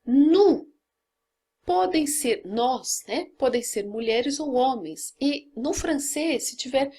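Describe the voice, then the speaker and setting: A Brazilian woman with a high, slightly husky voice teaches a grammar lesson. She explains patiently and step by step, often checking in with a quick tag question. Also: animated, mellow. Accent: Brazilian Portuguese. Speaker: French teacher.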